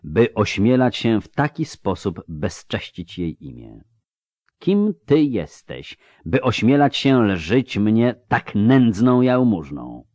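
A man voicing a cold, aloof ancient male elf in an audiobook, slow, measured and quietly threatening. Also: low voice, very animated, husky, dry recording, full character voice. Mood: menacing. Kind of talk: audiobook character reading.

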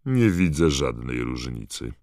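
A cold, venomous teacher from an audiobook, as a male narrator puts him on. He speaks quietly in a very deep, dry voice, each word clipped and icy. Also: very animated, unhurried, no echo, full character voice.

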